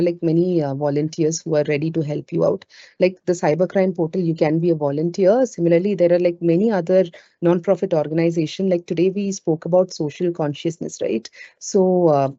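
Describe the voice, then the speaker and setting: Female webinar trainer, Indian accent, mellow conversational delivery, roomy lo-fi call audio. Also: lowish voice. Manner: conversational, with frequent "you know" asides. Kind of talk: informal live webinar talk with audience questions. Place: indoors on an online webinar call.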